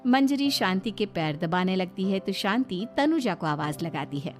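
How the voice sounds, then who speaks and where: A woman's voice: medium pitch, very animated, moderate pace, soft background music. A woman narrating a scripted cartoon story as its storyteller.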